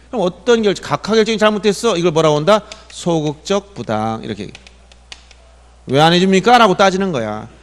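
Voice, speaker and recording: A man lectures on law for exam students in a high voice, firing questions at the class and answering them himself. He talks with insistent, emphatic repetition. The sound carries a long reverb, as from a hall.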